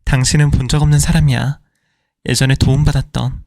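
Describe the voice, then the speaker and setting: A man's voice: mid-range voice, little pitch movement, a little fast, gravelly, darkish tone, dry recording, clean studio sound, lightly acted. A man playing an evasive middle-aged husband who pleads and placates his angry wife. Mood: placating.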